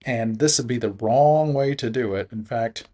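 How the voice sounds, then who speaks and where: A man's medium-pitched voice, at a moderate pace, guides listeners through the steps of a recorded math lesson. He's easygoing and chuckles at the mistakes he makes.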